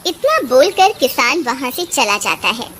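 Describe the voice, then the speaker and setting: A woman's voice: high voice, very animated, normal speed, a bit bright, a little hiss or hum. A woman narrating a children's cartoon story in a scripted storytelling voice.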